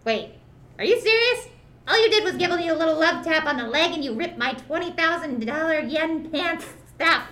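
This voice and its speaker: A woman voicing a defiant young hero in an amateur fan dub, shouty and comic. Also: extremely high pitch, animated, normal speed, a little hiss or hum, exaggerated voice. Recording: roomy echoey sound.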